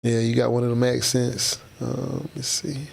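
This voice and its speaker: A man's voice: mid-range voice, flat delivery, measured pace, vocal fry, husky. A man from Florida hosting a live stream, chatting casually with viewers in slang and reading out their comments. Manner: laid-back, slangy, reads out chat comments. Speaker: livestream host.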